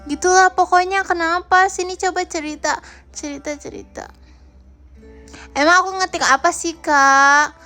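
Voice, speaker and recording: A woman's voice: very high voice, fairly even intonation, moderate pace, bright, forceful tone, soft background music. A woman live streaming from home, chatting casually and playfully teasing her viewers as she reads their comments aloud. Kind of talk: casual livestream chat reading viewer comments.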